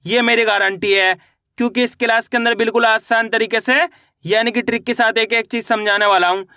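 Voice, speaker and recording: A male teacher giving a reading lesson, drawing out syllables slowly and answering his own questions. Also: very high-pitched, fairly even intonation, pushed and bright, smooth, no room sound, studio quality.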